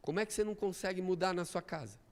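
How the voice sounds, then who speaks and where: High, gravelly-voiced male preacher, emphatic and rising to shouts, in an echoey church. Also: very fast. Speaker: pastor. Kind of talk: sermon.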